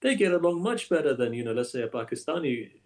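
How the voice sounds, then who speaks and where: A man who is an imam talks animatedly and with emphasis as an interview guest, repeating words often to build toward his point. His voice is mid-range and his pace quick.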